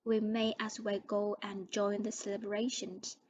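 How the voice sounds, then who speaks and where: A woman reading aloud as a kindly ancient male wizard, speaking in calm, soft and measured tones. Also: medium pitch, muffled recording, natural voice.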